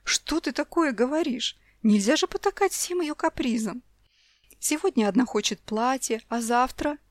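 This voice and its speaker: A woman voicing an exasperated, sharp-tongued young mother in a storybook reading. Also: sits high, lively intonation, normal speed, no room sound, clean studio sound, pitched above the performer's own voice. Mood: indignant. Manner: indignant, raised voice.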